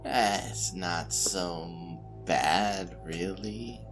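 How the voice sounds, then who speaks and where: Deep, slow-talking male game master, measured delivery, faint music under. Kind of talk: narrating and voicing a tabletop game.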